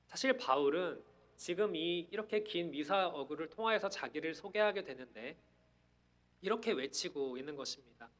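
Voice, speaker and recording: A man's voice: on the high side, animated, normal speed, a bit bright. A man preaching a sermon, earnest, building up to emphatic declarations.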